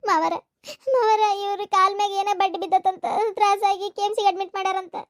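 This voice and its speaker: A woman playing an anxious, sharp-tongued village mother in a family skit, with a North Karnataka Kannada accent. Her voice sits very high and the words tumble out fast. She swings between pleading and bitter scolding. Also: steady tone. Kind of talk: village family drama acting.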